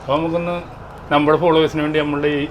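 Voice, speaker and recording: A man's voice: a little high, little pitch movement, rapid-fire. A man with a Kerala Malayali accent hosting a casual vlog, slangy and exclamatory as he addresses viewers. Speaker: vlog host. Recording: faint engine and outdoor noise.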